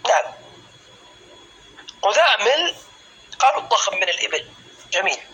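A man teaching a classical Arabic lesson, slowly spelling out word patterns syllable by syllable and calling students by name. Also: high-pitched, sharp tone, a little hiss or hum, low-quality recording. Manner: addresses students by name, asks if clear.

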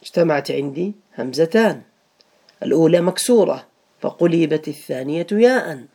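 A man's voice: on the high side, lively intonation, normal speed, a little mellow. A man teaching a grammar lesson to students, patiently repeating each rule and asking them questions.

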